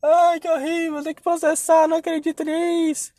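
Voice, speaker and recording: A man's voice: extremely high pitch, monotone, normal speed, mellow, dry recording, studio quality, voice pushed up. A man mocking a young woman influencer who whines and sobs melodramatically. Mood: tearful whining.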